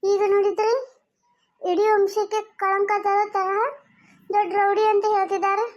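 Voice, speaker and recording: A performer playing a heartbroken young village woman in a comedy skit, her voice sitting very high and wavering with tears. She pleads over and over, shaken and close to crying. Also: completely flat delivery, normal speed, dull audio. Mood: upset.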